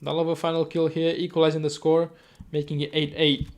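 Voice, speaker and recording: A male esports caster calls a live match in rapid play-by-play, stumbling over words and correcting himself as he goes. His voice sits slightly higher than most men's, and he breaks off into casual asides between the action. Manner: rapid, self-correcting, chatty asides, sudden excited outbursts.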